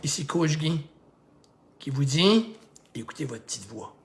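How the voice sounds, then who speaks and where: A man's voice: a little high, lively intonation, unhurried. A middle-aged man with a Québécois accent, a life coach giving a casual, rambling motivational talk that repeats itself and acts out bits of dialogue. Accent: Québécois French.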